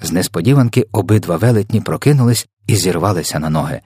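A man reading a children's story aloud in an expressive, dramatic narration. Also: sits low, fast talker, slightly rough, no echo, clean studio sound. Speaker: audiobook reader.

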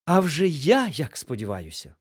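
A man's voice: on the high side, huge pitch swings, moderate pace, a little mellow, breathy edge, no room sound, studio quality, pitched above the performer's own voice, full character voice. A man voicing a kindly, scholarly male bear in a storybook, polite, fussy and easily embarrassed. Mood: cheerful. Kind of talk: storybook character voice.

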